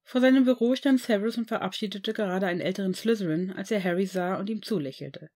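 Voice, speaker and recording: A woman narrating a fan-fiction story in an even, steady reading voice. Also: mid-range voice, fast. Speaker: audiobook reader.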